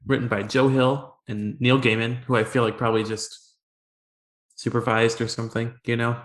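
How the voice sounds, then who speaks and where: A man in casual podcast chat whose voice rings with a heavy room echo, as if bouncing off bare walls. He keeps a middle pitch and an easygoing, laid-back delivery with short wry asides. The echoey home room stays behind every word. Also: little pitch movement, moderate pace. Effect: strong room echo. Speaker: podcast co-host, comic shop staff. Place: echoey room in a new house.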